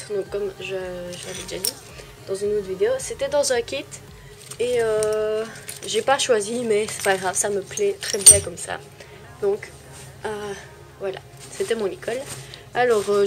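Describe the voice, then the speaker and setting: A woman's voice: medium pitch, darkish tone. Chatty woman vlogger. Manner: chatty, easygoing, self-deprecating. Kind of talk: casual show-and-tell.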